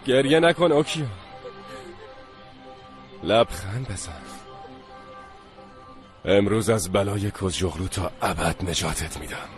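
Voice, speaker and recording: A man dubbing a young husband who calmly urges his wife to leave in a TV drama. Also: sits low, pauses often, faint music behind. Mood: tender. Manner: urgent then tender, commanding. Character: doomed young husband, resolute and tender. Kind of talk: Persian dub of a TV drama.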